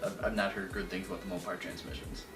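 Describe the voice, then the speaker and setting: A man's voice: deep voice, little pitch movement, fast, far from the mic. A man chatting casually about cars, somewhat hesitant and inquisitive. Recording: echoey, off-mic, loud music behind.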